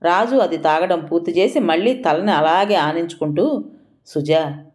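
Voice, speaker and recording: A woman narrating an audio story in an even, measured reading. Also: fairly low pitch.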